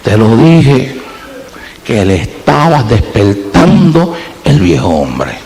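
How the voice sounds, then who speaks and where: A man preaching a sermon as a pastor, telling a story and swinging from hushed to fervent. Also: medium pitch, sing-song, slow pace, low-quality recording.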